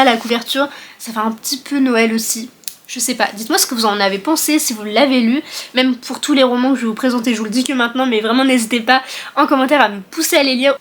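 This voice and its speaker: Chatty young French woman, bright pitch. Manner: chatty, rambling with many fillers and self-corrections. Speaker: book vlogger. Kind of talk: casual book haul chat.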